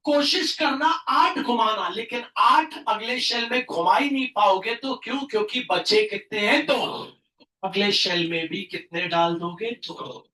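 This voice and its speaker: Male tutor, classroom lesson, self-answering drill style with shouted emphasis, bright voice, distant echoey mic. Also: high-pitched, measured pace. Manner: asks questions and answers them himself, loud bursts of emphasis; mixes English science terms into Hindi.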